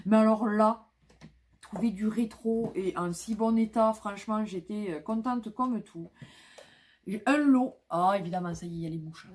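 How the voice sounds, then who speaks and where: A woman's voice: on the low side, a little mellow. A woman vlogging casually about flea market finds, talking with many fillers and restarts.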